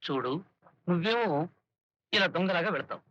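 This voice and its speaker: An actor playing a scheming, boastful harmonium player in a film comedy, theatrical in delivery. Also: male voice, high voice, expressive, moderate pace, fairly bright tone. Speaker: comic lead. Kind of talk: Telugu film comedy dialogue. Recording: dry, dull film soundtrack.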